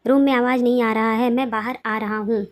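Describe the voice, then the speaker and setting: An annoyed young man about to wed grumbles back at his family, as a woman narrator puts him on. The voice sits somewhat high and stays flat, with a dismissive edge. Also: a little fast, close to an everyday voice. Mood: irritated.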